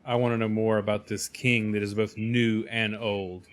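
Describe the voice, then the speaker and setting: A man's voice: fairly low pitch, flat delivery, normal speed. A man playing a co-op game, chatting casually and reading his dialogue choices aloud. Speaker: co-op game player.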